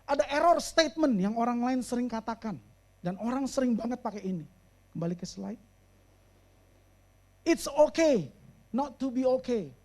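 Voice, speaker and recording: A man preaching a sermon and speaking as a therapist. He mixes English phrases into his speech, slows down and raises his voice to stress a point, and drops low and quiet for serious moments. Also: expressive. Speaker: pastor and therapist.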